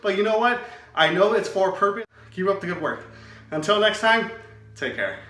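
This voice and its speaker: A man's voice: high voice, sing-song, moderate pace, very echoey, recorded from a distance. A man who is a PE teacher, coaching a home workout and explaining a game in an upbeat, encouraging way, out of breath.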